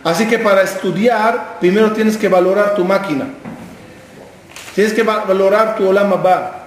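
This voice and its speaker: A man's voice: high-pitched, normal speed, a little hiss or hum. A man giving a Torah class, telling stories with acted dialogue and asking the listeners questions. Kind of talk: sermon. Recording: very echoey room.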